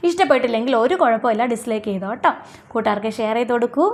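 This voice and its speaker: A young woman with a Malayali accent gives a textbook lesson in a high, light voice. She reads each English line slowly and clearly, then talks it through in an easy, chatty way, as a teacher would to young pupils. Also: animated.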